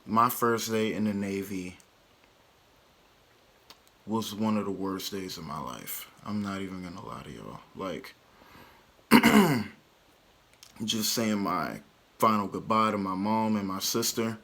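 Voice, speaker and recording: A man's voice: lowish voice, expressive, slow pace, pauses often, fairly bright tone. A young man from Texas telling a casual story to his vlog audience, rambling and filling his sentences with "like". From Texas, USA. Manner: rambling, lots of "like" fillers. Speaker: vlogger.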